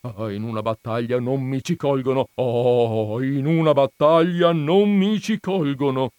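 A man's voice: mid-range voice, measured pace, a little mellow, smooth, dry recording, lightly acted. A man doing don Abbondio, a fretful old priest. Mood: fearful scolding. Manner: frightened hissing scolding. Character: timid, fretful elderly village priest.

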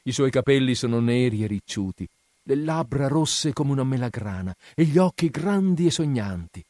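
A man voicing a generous, sorrowful male statue prince in a storybook reading, speaking softly and imploringly. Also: mid-range voice, lively intonation, normal speed, no room sound, studio quality, natural voice.

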